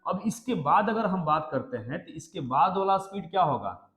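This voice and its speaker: A man's voice: high-pitched, expressive, moderate pace, fairly bright tone. A male maths teacher giving an exam-prep lesson, explaining step by step and often checking if the class understands. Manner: explains step by step, keeps asking the class questions. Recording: echoey room.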